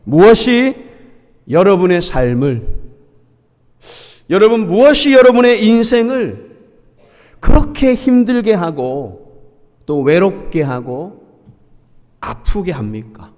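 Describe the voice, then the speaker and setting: A man's voice: high voice, slow, pauses often. A middle-aged man preaching a sermon as pastor of a church, leading the congregation to repeat lines and sometimes singing. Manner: animated preaching with call-and-response and sung lines. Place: church sanctuary. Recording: long church hall reverb.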